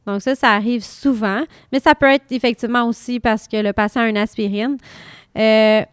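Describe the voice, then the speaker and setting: A woman's voice: fairly high pitch, steady tone, normal speed, smooth, dry recording, studio quality. A woman with a Quebec French accent, speaking as an expert guest and explaining methodically in an interview. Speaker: guest pharmacist.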